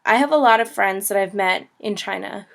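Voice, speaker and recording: A woman's voice: mid-range voice, a little fast, creaky. A young woman in her twenties giving a casual video lesson as a language teacher and travel blogger, chatty and laughing, with many ums and likes.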